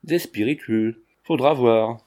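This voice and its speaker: A man voicing a gruff, bullying middle-aged customs officer in a storybook reading. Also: medium pitch, slow, warm tone, close to an everyday voice. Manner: brusque, bullying.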